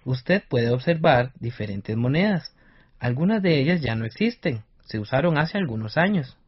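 A man's voice: mid-range voice, very animated, moderate pace, lo-fi sound, soft background music. A man with a Costa Rican accent presenting a scripted radio lesson as a teacher.

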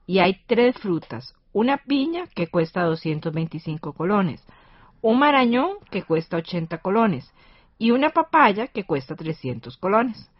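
A woman's voice: medium pitch, slightly rough, no room sound, highs cut off. A woman with a Costa Rican accent hosting a scripted educational radio lesson.

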